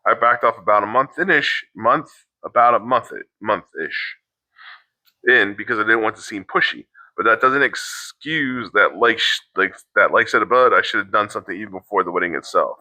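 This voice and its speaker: Man with a sharp, bright, dry voice. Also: on the low side, no echo, low-quality recording. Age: middle-aged. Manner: halting, restarts mid-sentence, swears in asides. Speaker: co-host reacting to online posts. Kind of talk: reading aloud with casual commentary.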